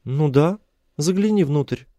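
An emotional, chatty young woman held captive, as a man reads her in an audiobook. Her voice is lifted far above the reader's own and kept soft. The sound is dry and close. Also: on the high side, lively intonation, slow pace, no echo, voice pushed up. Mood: complaining. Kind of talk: audiobook character voice.

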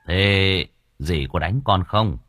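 A man voicing a gentle, hardworking young father who speaks softly and tenderly. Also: deep voice, slow pace, no echo, studio quality, full character voice. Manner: soft, tender and worried.

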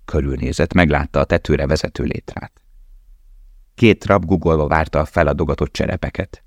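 A man reading an audiobook in a steady, measured narration. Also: rumbling low, no echo, clean studio sound. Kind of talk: scripted narration.

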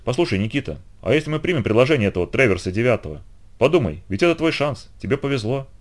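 A man voicing a calm, wise male centaur, speaking softly with gentle irony in an audiobook. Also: medium pitch, fast talker, lightly acted. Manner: soft, calm, gently ironic.

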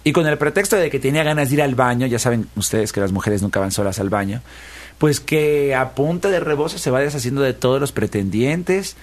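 A man's voice: mid-range voice, a little fast. Playful male storyteller. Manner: lively, rhythmic repetition, playful. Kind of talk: animated folk-tale storytelling.

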